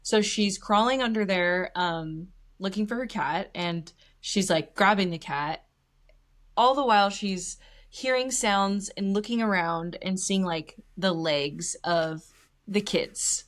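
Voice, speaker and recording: A woman's voice: mid-range voice, slow pace. Chatty woman co-hosting a film podcast. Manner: animated, laughs often, acts out lines from the film. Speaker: podcast co-host. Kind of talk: casual film review chat.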